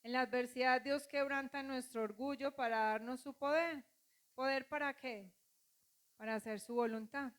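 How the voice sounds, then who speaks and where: A woman's voice: high voice, steady tone, normal speed. A woman pastor preaching a sermon, calling on the congregation to repeat after her and acting out quoted voices.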